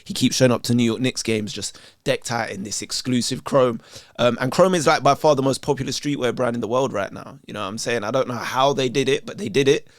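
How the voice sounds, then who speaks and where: A man's voice: medium pitch, fairly even intonation, fast, no echo, clean studio sound. A man, chatting casually while he reacts to videos, streetwise and loose. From England. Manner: chatty, streetwise, says "you know what I'm saying" often.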